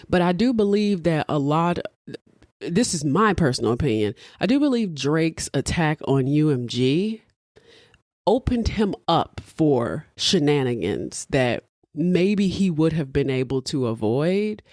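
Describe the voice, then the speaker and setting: A woman's voice: low-pitched, darkish tone, no room sound, studio quality. An American woman in her thirties or older, hungover, giving casual solo podcast commentary in a candid, digressive, conversational way with offhand swearing. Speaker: podcast host.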